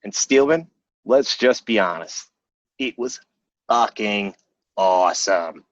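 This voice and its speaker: A man's voice: fairly low pitch, expressive, slow, dry recording, dull audio. A man hosting a casual gaming debrief, speaking in a blunt, informal, chatty way. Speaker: host.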